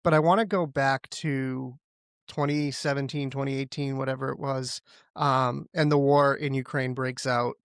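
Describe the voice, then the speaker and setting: A man's voice: mid-range voice, steady tone, normal speed, smooth, no echo. A male podcast host greets and questions his guest in a friendly, loose way, often leaning on "you know". The sound is dry and close, with no room around him. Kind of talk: interview hosting.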